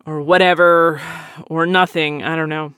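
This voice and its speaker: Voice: mid-range voice, level tone, unhurried, fairly bright tone, clean tone, no echo, studio quality. A podcast host in their late thirties, chatting casually and answering listener questions in a self-deprecating, rambling way. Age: 30s. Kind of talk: casual chat.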